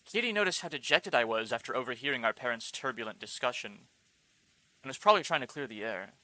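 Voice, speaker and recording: A man's voice: medium pitch, animated, fast talker, bright, forceful tone, dry recording, rough recording. Man reading as a wry teenage boy narrator.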